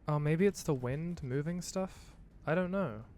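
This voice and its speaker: Slow-talking man musing over a game. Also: on the high side, a little mellow, slight background noise. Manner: thinking aloud, hesitant, easily startled. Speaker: gamer. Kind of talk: let's play commentary.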